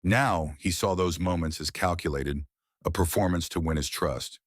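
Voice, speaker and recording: A man narrating a family drama story in a measured, dramatic way. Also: low-pitched, husky, no echo, clean studio sound. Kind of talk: scripted narration.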